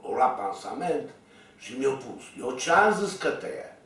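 In a sing-song, fairly bright mid-range voice, a male vlogger rambles through a personal anecdote, addressing listeners directly with coarse, blunt, colloquial language. He's recorded from a distance with heavy reverb.

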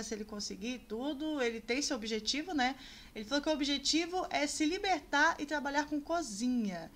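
A woman's voice: high-pitched, pushed and bright. A woman vlogger chatting casually and gushing about show contestants, with many asides to her viewers. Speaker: vlogger commenting on a TV cooking show. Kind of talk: casual chat.

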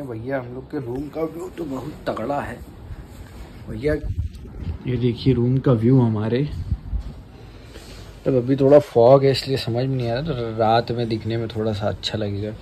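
A man's voice: mid-range voice, steady tone, normal speed, low-quality recording. A young man from Prayagraj vlogging his trip on a phone held at arm's length, chatty and calling viewers guys and brother. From Prayagraj, India. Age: young adult. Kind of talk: casual travel vlog. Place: train station, taxi, hotel room, city streets. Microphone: phone selfie at arm's length. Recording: loud crowd and street noise on phone mic.

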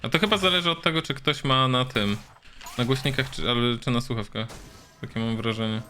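A man's voice: mid-range voice, a little fast, bright, forceful tone, faint music behind. A man from Poland giving casual, chatty commentary as he streams a game, swearing freely and reacting on the fly.

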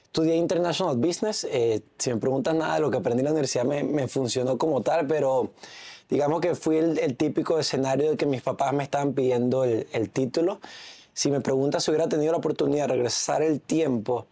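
Seated in an office lounge with a city view, an entrepreneur in his thirties with a Venezuelan accent speaks confidently as a guest in a casual interview, gesturing with his hands. His medium-pitched voice is warm and fast.

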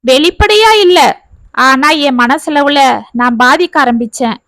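A woman's voice: high-pitched, lively intonation, measured pace, fairly bright tone, no room sound, low-quality recording. A woman reading the part of a young married woman, hurt and bitter, pouring out her grievances in a family story. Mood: aggrieved.

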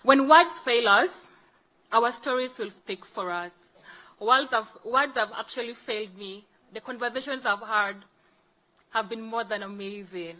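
A woman's voice: fairly high pitch, normal speed, bright, forceful tone, poor audio. A woman with a Kenyan accent gives a formal thank-you speech as a guest, with emphatic, repeated phrasing. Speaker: guest speaker, book fair fellow.

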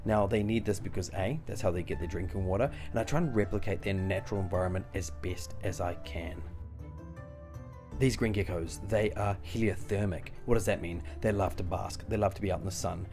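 A man's voice: sits low, fairly quick, music in the background. A young man narrating a wildlife vlog as an enthusiastic gecko keeper, emphatic, playful and given to repeating himself.

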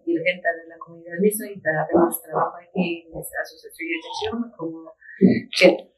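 A woman, a community leader and chef, telling a personal story in an interview in a halting way, repeating words and restarting often. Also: fairly low pitch, a little hiss or hum. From Ecuadorian Amazon. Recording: voice picked up from a distance.

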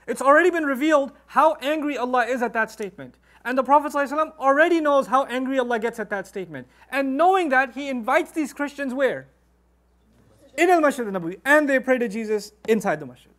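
A middle-aged man giving a Quran commentary lecture, animated and posing rhetorical questions to his listeners. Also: sits high. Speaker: Quran teacher.

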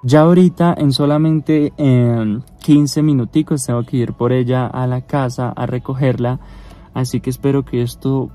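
A young man in his twenties, a prank vlogger, talking excitedly and nervously to his phone camera inside a parked car. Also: mid-range voice, moderate pace, soft background music. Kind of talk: casual prank vlog. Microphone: phone camera at arm's length.

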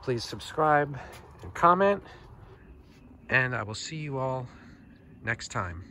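A man's voice: mid-range voice, slow pace. A man talking in an easygoing, plainspoken way, with the odd "uh" and a mild curse thrown in. He sounds like a casual home video, filmed on a phone out on a driveway. A faint outdoor hum sits under his voice. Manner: relaxed, plainspoken, with fillers and mild swearing. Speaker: channel host reviewing a tool. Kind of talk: casual product review vlog.

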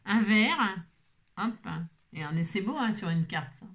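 A woman's voice: mid-range voice, expressive, a little slow, a bit bright. A woman vlogging casually while opening craft mail at her table at home, chatty and playful, gushing over every item.

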